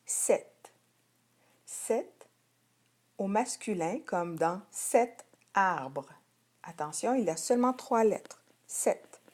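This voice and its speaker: A woman teacher with a Québécois French accent giving a slow spelling dictation to young children, patient and over-articulated, lingering on each word. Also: medium pitch, darkish tone.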